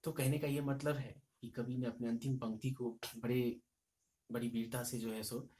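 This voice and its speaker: A man teaching a lesson, explaining a poem line by line and reciting its verses loudly with rising emphasis. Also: mid-range voice, flat delivery, normal speed.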